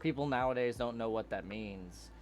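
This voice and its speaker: A man's voice: medium pitch, moderate pace, a little mellow, slight background noise. A man in his twenties telling rambling, profane stories in a casual chat with friends. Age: 20s. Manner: rambling, profane storytelling, laughing often. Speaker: friend in a streamed group chat.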